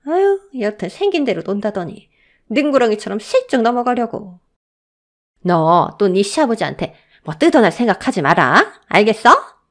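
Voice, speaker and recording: A woman voicing a harsh, spiteful older mother-in-law who scolds in a shrill voice. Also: very animated, fairly quick, mellow.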